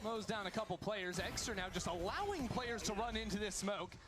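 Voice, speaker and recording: A man doing energetic live play-by-play commentary on an esports match. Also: sits high, background noise. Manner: quick energetic calls of the action.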